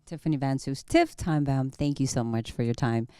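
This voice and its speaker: Low, mellow woman reporter. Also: moderate pace, smooth, dry recording. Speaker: sports interviewer and reporter. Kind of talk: prepared broadcast interview questions.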